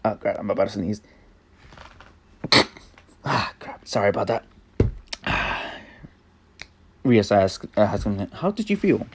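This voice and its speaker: Low, gravelly young man rambling. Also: level tone, a little hiss or hum. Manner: rambling, halting, many fillers and restarts. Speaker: fan fiction reader. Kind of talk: improvised fan fiction narration.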